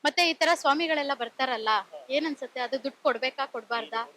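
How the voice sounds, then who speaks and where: A woman's voice: high voice, fast, fairly bright tone, a little hiss or hum. A woman hosting a prank show, apologizing and then questioning the person she fooled in a direct way.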